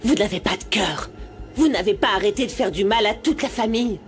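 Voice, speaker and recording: A woman's voice: mid-range voice, lively intonation, a little fast, soft background music, natural voice. An actress playing a defiant, reproachful woman, in a dubbed telenovela.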